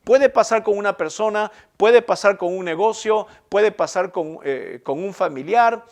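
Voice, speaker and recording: A middle-aged man preaching a sermon, his voice sitting somewhat high for a man. He pushes key phrases up with sudden emphasis, then lets the ends of his lines drop away quietly, in an earnest pulpit manner. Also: unhurried. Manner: earnest, emphatic preaching with rising bursts and soft trailing ends. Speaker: pastor.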